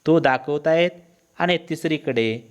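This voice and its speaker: A man's voice: on the high side, unhurried, smooth. A male teacher explaining a lesson, restating phrases and defining words as he goes.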